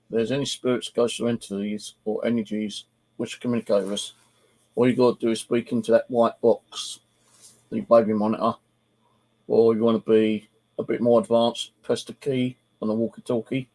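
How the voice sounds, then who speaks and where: This host of a ghost-hunting channel speaks informally while investigating the paranormal, offering commentary and calling out to spirits. He has a warm, medium-pitched voice with little pitch movement and a moderate pace, though the audio quality is poor.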